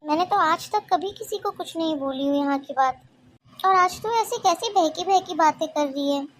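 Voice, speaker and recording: A fussing, well-meaning mother-in-law from an animated family story. Her voice sits high and she pleads and scolds in a plaintive tone. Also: normal speed, a little hiss or hum. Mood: pleading. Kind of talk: cartoon story voice acting.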